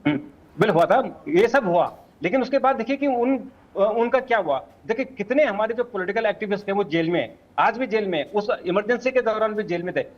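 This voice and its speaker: A man's voice: sits high, lively intonation, fairly quick, dull audio. A man speaking as a panel guest in a political debate, insistent and talking over others.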